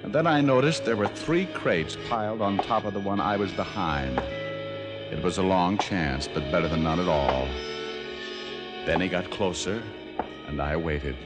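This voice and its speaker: A man's voice: sits low, unhurried, loud music behind the voice. An actor playing a wisecracking, hard-boiled male private detective in 1940s radio style, wry and sardonic. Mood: tense narration.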